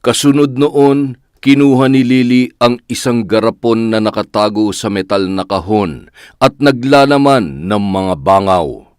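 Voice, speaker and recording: Low-voiced man narrating a horror tale. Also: a little mellow, clean tone, no room sound, clean studio sound. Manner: measured, dramatic storytelling. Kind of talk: scripted horror story narration.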